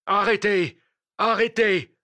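Man doing old wild-eyed ex-soldier, shouting, high strained voice, dry close sound. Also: steady tone, takes it slowly, no room sound, full character voice. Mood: desperate shouting. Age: older. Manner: shouting in desperate protest.

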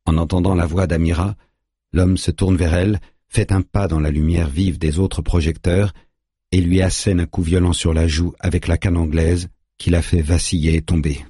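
Very husky deep male narrator. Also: steady tone, moderate pace, warm tone, no room sound, studio quality. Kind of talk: audiobook narration.

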